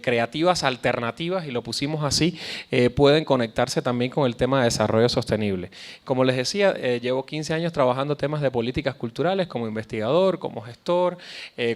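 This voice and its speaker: A man with a Caribbean Spanish accent giving a public lecture in a conversational way, pausing to search for words and repeating phrases for emphasis. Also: mid-range voice. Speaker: guest speaker, cultural policy researcher. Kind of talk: public lecture addressing an audience.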